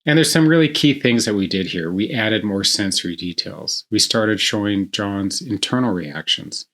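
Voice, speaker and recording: A writing instructor with a low-ish, slightly bright voice and expressive delivery at normal speed leads a tutorial. He reads example scenes aloud, then explains how they could be improved.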